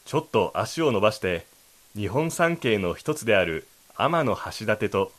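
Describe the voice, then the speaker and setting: A man's voice: fairly low pitch, big pitch swings, a little slow. A man co-hosting a language lesson, explaining and rephrasing lines in a polite, explanatory manner. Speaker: co-host.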